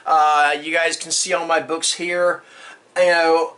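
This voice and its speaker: A man's voice: on the high side, level tone, slow, pushed and bright. A middle-aged man chatting casually about his reading habits, rambling and going off on little rants. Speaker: book vlogger. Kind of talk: casual chat answering a tag. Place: room with bookshelves.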